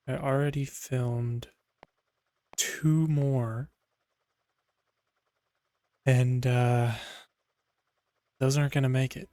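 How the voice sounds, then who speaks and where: Guy talking slow and flat over a game, calm music playing under him, dry humor. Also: medium pitch. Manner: deliberately flat monotone, dry. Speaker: sleep channel host. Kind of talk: quiet game commentary with storytelling.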